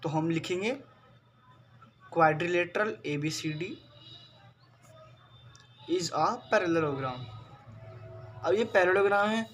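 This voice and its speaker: A man's voice: on the high side, extremely slow, pauses often, a bit bright, faint music behind. A man teaching a math lesson to school students, patiently repeating questions and explaining step by step, with English terms spoken in a Hindi accent. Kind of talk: classroom lesson.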